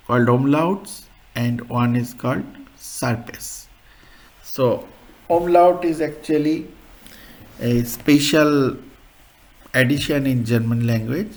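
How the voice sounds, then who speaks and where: A male teacher walks beginners through letters and sounds at a very slow, careful pace. He says each example word twice so students can follow. His English has a non-native turn of phrase, and his voice sits at an ordinary middle pitch. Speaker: language teacher. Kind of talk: slow beginner language lesson.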